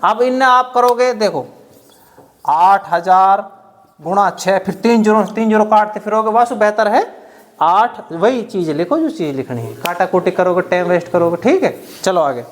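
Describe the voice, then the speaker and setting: A high-pitched man teaches math for an exam-prep class. He walks through the sums out loud, one step at a time, repeating himself. He keeps stopping to ask whether his students have followed. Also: animated, normal speed. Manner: repetitive, checks understanding often; counts out calculations aloud step by step.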